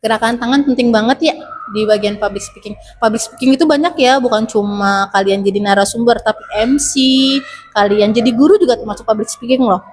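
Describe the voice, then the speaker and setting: A woman's voice: on the high side, a little fast, darkish tone, a little hiss or hum. A woman teacher, chatting to students about public speaking and asking many rhetorical questions. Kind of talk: casual advice to students.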